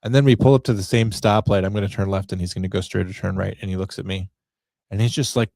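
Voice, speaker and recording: A man's voice: deep voice, steady tone, quick pace, vocal fry, darkish tone, dry recording, studio quality. A man in his forties hosting a podcast, telling self-mocking stories in a casual, wry monologue. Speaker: podcast host.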